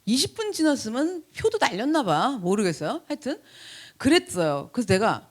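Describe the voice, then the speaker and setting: A middle-aged woman pastor telling a chatty, animated story in a sermon, acting out the people she quotes. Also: fairly high pitch, normal speed. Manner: chatty, animated anecdote with laughs and acted quotes. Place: church.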